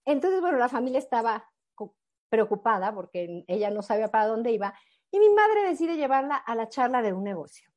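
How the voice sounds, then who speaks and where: A woman giving a motivational talk, telling a personal story in an animated, earnest and emphatic way. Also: fairly high pitch, fairly quick. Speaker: motivational speaker.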